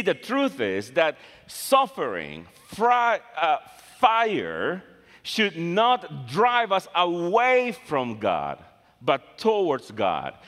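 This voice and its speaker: A man's voice: fairly high pitch, a bit bright. A man preaching a sermon, switching between languages line by line, emphatic and repeating phrases for stress. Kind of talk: bilingual sermon, English and Spanish in turn. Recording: long reverb of a large hall.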